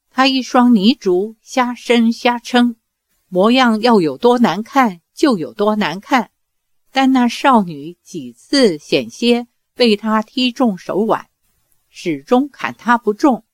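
A woman narrating a martial-arts novel aloud in a slow, measured storytelling style. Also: a little high, no echo.

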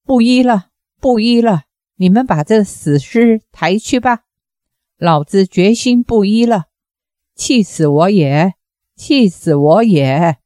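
A woman reading as a short, stout male doctor with a cold, quick temper, who snaps back in curt, clipped retorts. The delivery is slow and unhurried, with a mellow, darker tone. The sound is close and dry. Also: mid-range voice, expressive, no room sound.

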